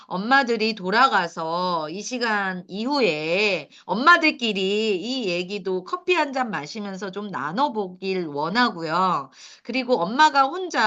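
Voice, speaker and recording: A woman's voice: medium pitch, fairly bright tone, highs cut off. A middle-aged woman giving a lecture to mothers, asking the audience questions and laughing at her own points. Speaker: lecturer for parents.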